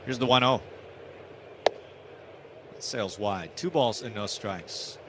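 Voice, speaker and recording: A man with a fairly low voice calls a baseball game slowly in live radio play-by-play. Steady ballpark noise from the outdoor stadium runs underneath.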